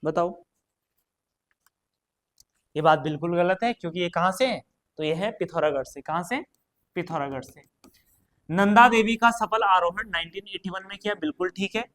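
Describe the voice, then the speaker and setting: His voice sits high and fairly bright, at a moderate pace with frequent pauses. This man from Uttarakhand, India teaches exam prep, quizzing students, restating each question and answer, and speaking to them in a chatty, direct way.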